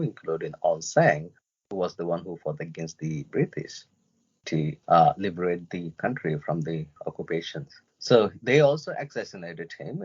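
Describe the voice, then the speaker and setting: Deep gravelly man from Myanmar. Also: highs cut off. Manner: halting, with many fillers and restarts. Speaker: interview guest, refugee and journalist. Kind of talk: casual interview talk.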